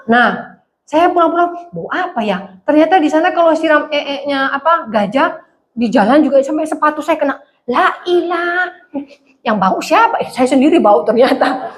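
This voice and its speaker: High-voiced animated woman pastor preaching. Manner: animated, acts out voices, laughs often. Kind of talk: lively conversational sermon.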